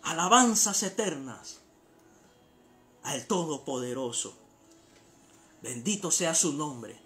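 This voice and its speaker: Male pastor, slow, bright, penetrating voice, soft music underneath. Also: high voice, animated. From Panama. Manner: impassioned preaching, swinging from hushed to shouting. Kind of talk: sermon.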